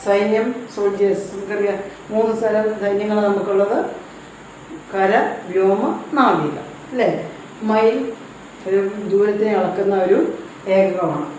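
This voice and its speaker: A woman gives a patient alphabet lesson at a very slow pace, repeating each syllable and word before explaining it. Her voice sits a little back from the microphone. The room is heavily echoey, with a faint hum of ambience behind her. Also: mid-range voice, fairly even intonation, a little mellow. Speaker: language teacher. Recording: echoey room heard from a distance.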